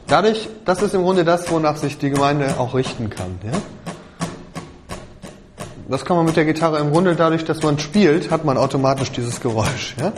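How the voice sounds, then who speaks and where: German-speaking man teaching a worship band. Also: on the high side. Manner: keeps checking with "ja?" and vocalizes drum rhythms; relaxed and thinks aloud. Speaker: worship music workshop leader. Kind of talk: teaching band arrangement to a group. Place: rehearsal or workshop room with a group.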